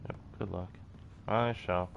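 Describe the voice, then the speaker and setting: Low voiced guy losing his voice, rambling game commentary, faint noise. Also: fairly even intonation, measured pace, creaky, muffled recording. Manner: rambling, half-muttered asides. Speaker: game streamer. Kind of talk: casual gameplay commentary.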